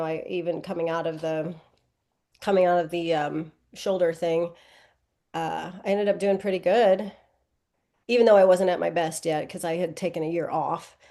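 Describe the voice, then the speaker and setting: With a lowish, dark voice, this woman in her forties is interviewed as a guest athlete. She answers in a loose, rambling way, correcting herself as she goes and filling gaps with "um" and "like."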